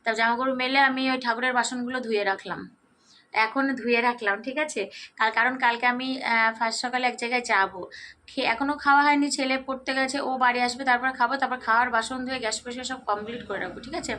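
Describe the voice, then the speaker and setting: A middle-aged woman, slightly hoarse, chatting casually to viewers through a daily-routine vlog and often checking in with them. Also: on the high side, fairly even intonation, very fast, bright, forceful tone, a little hiss or hum. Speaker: vlogger.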